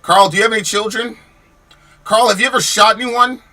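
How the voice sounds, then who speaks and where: A man from the United States hosts a podcast and rails against chat comments, using rhetorical questions and emphatic arguments. His high voice is bright and forceful with a steady tone and a slightly fast pace. He repeats words and restarts when he gets worked up.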